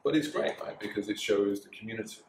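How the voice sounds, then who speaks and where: Speaking quickly in a lowish voice, a bar and dojo owner in his forties chats easygoingly with an interviewer, dropping many fillers and laughs. The setting is a small indoor bar with signed walls, and a camera far off in the room records echoey audio with slight background noise.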